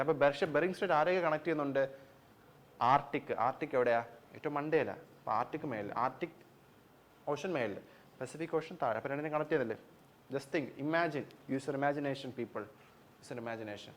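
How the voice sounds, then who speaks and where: A young man with a Malayali accent teaching an online geography class for exam coaching, asking questions and answering them himself, with English phrases mixed in. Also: mid-range voice.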